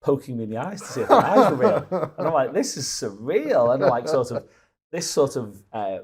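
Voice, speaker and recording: A man's voice: mid-range voice, very animated, normal speed, breathy edge. A man in his fifties from Liverpool, a guest telling stories in a casual, rambling way with many restarts. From Liverpool, England. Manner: rambling storytelling with frequent restarts. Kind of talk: casual conversational interview.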